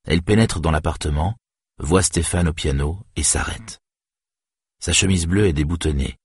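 A man narrating an audiobook in a measured, steady way. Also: low voice, slightly rough, no echo, clean studio sound. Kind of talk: scripted narration.

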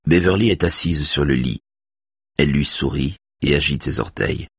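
A man giving a measured, even scripted narration of a novel. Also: very deep voice, slightly rough, no echo, clean studio sound.

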